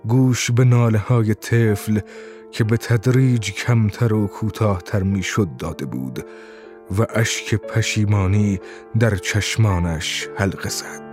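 A man reading a story aloud as an audiobook narrator in a steady, measured way. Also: lowish voice, over music. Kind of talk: scripted narration.

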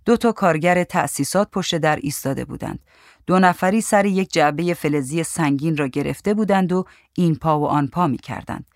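A man narrating a story in a steady, even reading voice. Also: on the high side, no echo, studio quality.

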